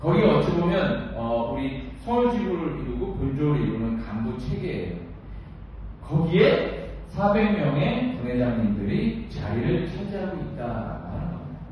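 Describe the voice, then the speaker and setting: A woman's voice: low-pitched, very echoey. Woman, union training lecture, quizzes the audience, distant mic, dull lo-fi sound, faint background noise. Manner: lively, asks the audience questions and acts out quotes.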